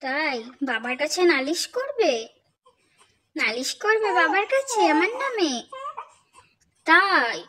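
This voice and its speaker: Young mom doing baby talk, high lively voice, slow and coaxing. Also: female voice. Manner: coaxing, sing-song, teasing. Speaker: mother talking to her baby.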